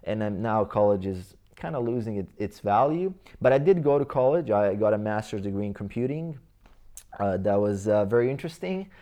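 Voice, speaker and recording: Speaking a little fast in a low, dark, expressive voice, this Croatian-accented man in his thirties is an interview guest recalling his life. He is a native Croatian speaker from the Croatia/Bosnia area, and his casual account wanders, full of fillers and false starts.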